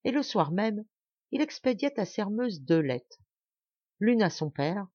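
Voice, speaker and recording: Woman, audiobook narration, measured storytelling, dry room, lo-fi sound. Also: mid-range voice, sing-song, a little mellow, dry recording. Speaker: audiobook reader. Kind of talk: scripted narration of a classic novel.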